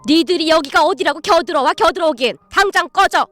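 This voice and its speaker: A woman's voice: high-pitched, animated, normal speed, dry recording, faint music behind. A woman voicing a timid middle-aged mother-in-law who earnestly practices sounding fierce. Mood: shouting. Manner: eager, earnest, practiced shouting.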